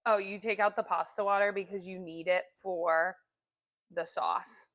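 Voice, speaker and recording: A woman's voice: fairly low pitch, steady tone, moderate pace, a bit bright. A woman cooking pasta in her home kitchen, explaining each step in a chatty, casual way.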